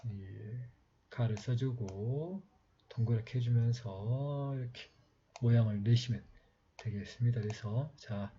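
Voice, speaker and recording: Slow, patient man teaching calligraphy. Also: medium pitch, mellow. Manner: patient, talks while writing, many pauses and fillers. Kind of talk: slow step-by-step writing lesson. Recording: slightly dull lo-fi sound with faint noise.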